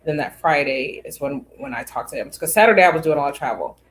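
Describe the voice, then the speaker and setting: A woman's voice: deep voice, expressive, fast. A podcast host, a woman, telling a personal story in a rambling way, with many fillers and acted-out bits of dialogue.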